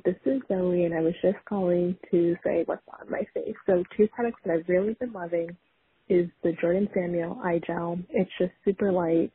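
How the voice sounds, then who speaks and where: Young female caller on a landline voicemail, breathy voice, thin phone sound, bubbly and chatty. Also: on the low side. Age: young adult. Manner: upbeat, leans on the word super. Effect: heard over a landline phone voicemail. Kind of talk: casual voicemail message. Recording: tinny phone-line voicemail.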